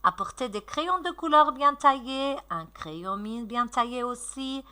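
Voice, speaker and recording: A woman teacher recording a lesson for young children, slow, sing-song and encouraging, stretching out her words. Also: sits high, animated, sharp tone.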